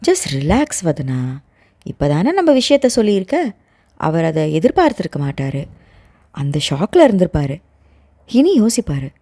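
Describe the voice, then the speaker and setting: Calm young man from an audio novel, reassuring and teasing, voiced by a woman narrator; mellow, lively delivery. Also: on the low side, unhurried, long pauses, voice pushed down, exaggerated voice.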